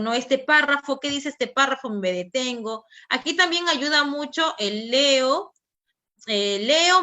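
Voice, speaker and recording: A woman's voice: medium pitch, pushed and bright. A woman from Peru with a Peruvian Spanish accent, giving a conversational teacher training talk, full of fillers and tag questions.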